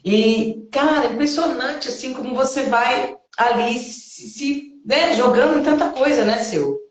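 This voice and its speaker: A woman's voice: high voice, expressive, unhurried. A Brazilian woman hosting a podcast in Portuguese, talking in a chatty, affirming way. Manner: chatty, affirming, often asks "né?". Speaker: podcast host. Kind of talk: casual conversation. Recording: roomy echo.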